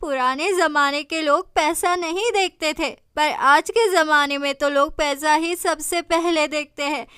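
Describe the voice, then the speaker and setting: A woman voicing a scolding middle-aged mother who nags loudly about money and love. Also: high voice, unhurried, hardly any pauses, no room sound, clean studio sound. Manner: loud nagging scolding.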